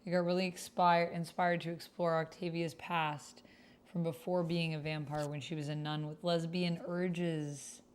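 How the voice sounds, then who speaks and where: A livestream host who does role-play chats casually, reading typed text aloud to her viewers and partly to herself. She sits low in pitch, with a flat delivery and moderate pace. The recording is clearly noisy from the clatter of keyboard typing in the background.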